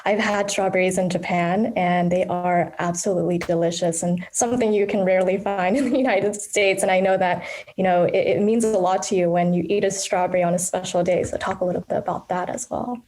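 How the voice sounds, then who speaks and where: A woman's voice: lowish voice, fairly even intonation, brisk, darkish tone. A woman co-hosting a podcast interview, asking her guest questions in a friendly, casual way. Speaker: podcast co-host.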